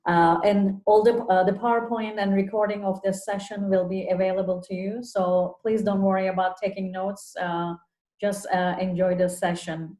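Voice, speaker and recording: A woman's voice: medium pitch, flat delivery, moderate pace, warm tone. A woman from Turkey hosting an online webinar, introducing the guest speaker with frequent hesitations and fillers over a video call. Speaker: webinar moderator. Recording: roomy echo.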